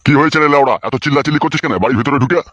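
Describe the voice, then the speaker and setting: A man's voice: a little high, very fast, fairly bright tone, breathy edge, no echo, muffled recording. A man playing a coarse older village uncle in a comic skit, who scolds and swears. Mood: gruff.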